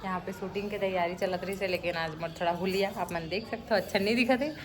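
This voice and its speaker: A woman's voice: medium pitch, quick pace. A woman vlogger from Chhattisgarh with a Chhattisgarhi accent, chatting casually to her viewers as friends. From Chhattisgarh, India. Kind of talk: casual vlog talk.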